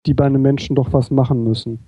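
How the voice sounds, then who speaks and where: A man co-hosting a casual discussion, telling anecdotes quickly with a wry edge. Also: mid-range voice, level tone, mellow, husky, dry recording. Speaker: co-host.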